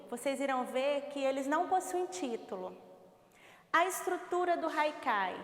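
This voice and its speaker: A woman's voice: sits high, fairly bright tone. A woman teacher giving a recorded class lecture, explaining patiently, rephrasing and counting syllables aloud. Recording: echoey room with long reverb.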